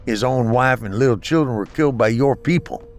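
Man voicing a wounded Confederate raider; slurred, breathy, a notch higher than the narrator, soft music under. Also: a little fast, close to an everyday voice. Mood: pleading. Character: male Confederate bushwhacker soldier, bitter.

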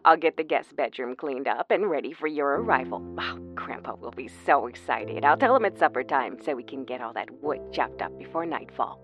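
A man voicing a gentle, doting elderly grandmother who fusses affectionately over her grandson, over music. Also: medium pitch, animated, fairly quick, hardly any pauses, muffled recording, pitched above the performer's own voice, close to an everyday voice. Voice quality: soft, gentle. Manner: affectionate, fussing. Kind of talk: storytelling voice acting.

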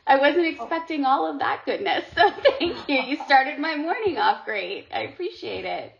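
A middle-aged Sri Lankan woman appears as a podcast guest, chatting earnestly in a casual interview and frequently repeating words. Her voice sits high with vocal fry, animated and at a moderate pace, captured on dull lo-fi audio.

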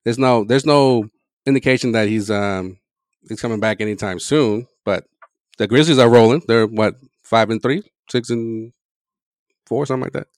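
Man, sports podcast host, casual, halting delivery, informal, dry recording. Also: mid-range voice, dry recording.

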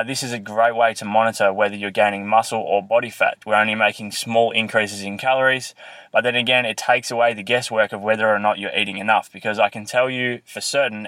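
A man hosting a fitness podcast, explaining and coaching earnestly, recorded with low audio quality on a built-in laptop microphone. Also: pushed and bright, dry recording, low-quality recording. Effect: low quality audio from a built-in laptop mic. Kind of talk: solo podcast, instructional talk.

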